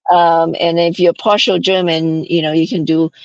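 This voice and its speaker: A woman's voice: fairly low pitch, little pitch movement, normal speed, no echo, muffled recording. A middle-aged woman from Malaysia, a company founder chatting as a guest in an interview, often restarting and tagging her sentences with "right?". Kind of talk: casual interview chat.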